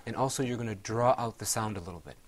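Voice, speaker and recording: Patient male recitation teacher. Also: on the low side. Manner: encouraging, drawn-out modeling of pronunciations. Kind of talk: patient classroom instruction.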